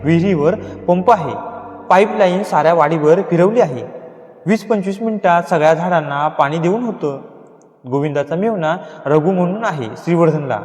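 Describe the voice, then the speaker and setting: A man's voice: on the high side, a little mellow, natural voice. A man voicing an older village housekeeper woman, devoted and anxious, speaking in a pleading, rustic way. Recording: echoey reverberant room, faint music.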